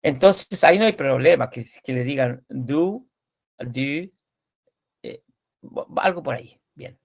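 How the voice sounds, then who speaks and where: A man teaching a language class, slowly explaining pronunciation, repeating words and correcting his students. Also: medium pitch, animated, gravelly. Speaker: Swedish teacher.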